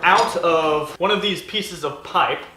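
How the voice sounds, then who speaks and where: A man's voice: a little high, slow, heavy background noise. A man explaining a metal build in his workshop in a casual, chatty way, joking at his own expense. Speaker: maker and video host. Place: home workshop, not soundproof.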